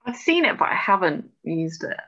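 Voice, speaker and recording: A woman's voice: fairly low pitch, big pitch swings, normal speed, fairly bright tone, highs cut off. A woman presenting a chapter to a book club over a video call, thinking aloud and making self-deprecating asides as she works through code. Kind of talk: casual live-coding walkthrough.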